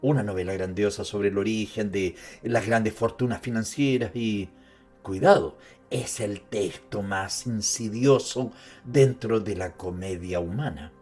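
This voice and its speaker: A man with a fairly low voice narrates about literature at a very slow pace. He turns to the listener directly, mixing dramatized storytelling with conversational asides. Music plays softly behind him. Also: breathy edge. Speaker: narrator presenting an author's life and works.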